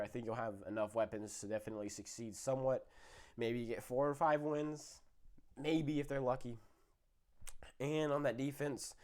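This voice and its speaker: A young man with a mid-range, slightly mellow voice hosts a sports video, casually giving football predictions. He's a little sick, so his voice is a bit off, and he uses lots of fillers and corrects himself often.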